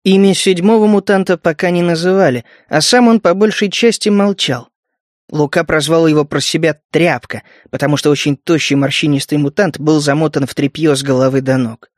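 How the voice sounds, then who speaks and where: Man, audiobook narrator, measured storytelling, somewhat high voice, dry close mic. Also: no room sound. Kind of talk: scripted narration.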